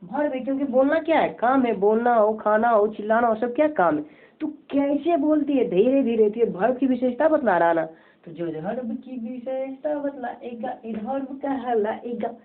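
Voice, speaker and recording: A woman's voice: on the high side, normal speed. A woman teaching a grammar lesson, who keeps asking questions and answering them herself in a repetitive, drilling way. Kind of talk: home-tuition grammar lesson. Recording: tinny phone-like lo-fi audio.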